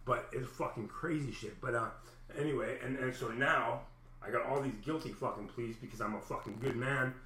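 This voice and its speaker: Medium-pitched, steady, bright, and forceful, a big-voiced man speaks at normal speed as he retells a personal story in an agitated, rambling, profane, casual way with lots of swearing. There's slight background noise and the room echoes.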